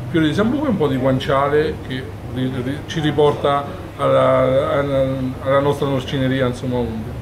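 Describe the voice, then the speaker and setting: A chef in his forties from Umbria, Italy, gives an on-camera interview in a busy restaurant kitchen during service. His medium-pitched voice is earnest and detailed, punctuated by frequent fillers and restarts. Kitchen clatter fills the noisy background.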